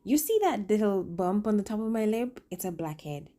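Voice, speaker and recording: A woman's voice: mid-range voice, animated, moderate pace, dark tone. A woman chatting casually through a makeup tutorial as a vlogger, informal and emphatic, with rambling asides, speaking with a swollen upper lip. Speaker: makeup vlogger and working makeup artist.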